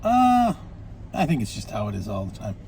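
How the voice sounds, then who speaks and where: A man's voice: on the low side, wildly swooping pitch, normal speed, a little mellow, a little hiss or hum. A man hosting a casual food review, chatting while he eats. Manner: chatty, talks with mouth full.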